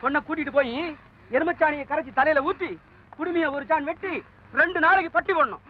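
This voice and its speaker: A very high, thin voice belongs to a sly male sorcerer's helper who drones out mantras and snaps back short answers. It sits on a tinny, narrow old film soundtrack, with a faint hum underneath. The delivery is classic 1940s screen acting. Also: fairly quick. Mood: brusque. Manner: sing-song mantra chanting, curt replies. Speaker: sorcerer's assistant.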